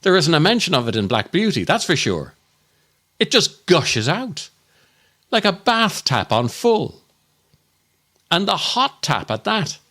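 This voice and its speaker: With a sharp, sing-song voice pitched on the high side, this male podcast host works through a scripted comic bit. He sounds deliberate, grumpy and exasperated, playing at being appalled.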